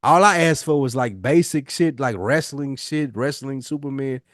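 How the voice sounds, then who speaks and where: This podcast co-host, a man in his forties, speaks at a moderate pace in a mid-range voice, swapping personal stories in loose, slangy, profane chat and leaning on repeated phrases for emphasis. The sound is clean studio audio with no room tone.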